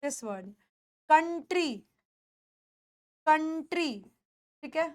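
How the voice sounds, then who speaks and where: Slow, high-voiced woman teaching. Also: lively intonation. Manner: drills words by repeating them and asks students checking questions. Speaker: English pronunciation teacher. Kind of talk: classroom lesson.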